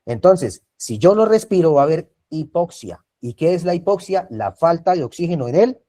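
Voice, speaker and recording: A Colombian-accented man leads an online first aid class by video call, going over key points repeatedly and checking on the class with frequent tag questions. He speaks at a moderate pace in a fairly high, animated voice with a dark tone.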